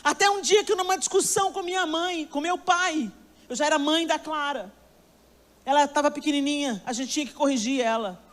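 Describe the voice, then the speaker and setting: A woman's voice: high voice, normal speed. A woman preacher delivering a sermon, telling a story with emphasis and speaking straight to her listeners.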